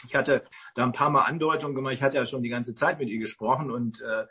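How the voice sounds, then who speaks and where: A man in casual online talk, rambling and halting with many fillers. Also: mid-range voice, fairly even intonation, sharp tone, breathy edge.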